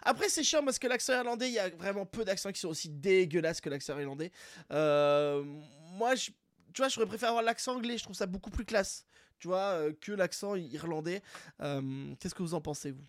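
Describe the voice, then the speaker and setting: High-voiced joking man, dry sound. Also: lively intonation, a little fast, no echo. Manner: joking, laughs often, trails off quietly. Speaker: podcast co-host. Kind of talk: casual joking chat.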